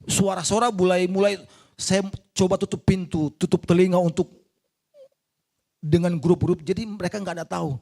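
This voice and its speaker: A man's voice: mid-range voice, mellow. A middle-aged man, a pastor, telling a personal testimony in a conversational sermon and acting out the voices he quotes.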